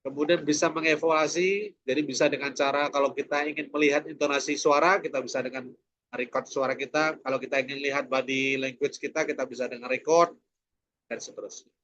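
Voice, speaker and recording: A man's voice: medium pitch, fairly even intonation, brisk, a bit bright, lo-fi sound. A man teaching a preacher training class online, asking rhetorical questions and tagging his sentences with "ya". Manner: rhetorical questions, frequent "ya" tags.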